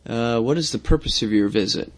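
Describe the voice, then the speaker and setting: A man's voice: medium pitch, normal speed, lightly acted. A man with a General American accent playing a matter-of-fact customs officer in a scripted lesson dialogue, with small hesitations.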